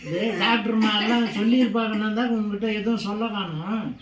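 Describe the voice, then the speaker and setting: A man's voice: sits high, fairly even intonation, fairly quick, lightly acted. A man acting a husband who consoles his crying wife in a comic skit, repeating soothing words with stifled laughter in speech. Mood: consoling. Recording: echoey room with audible background noise.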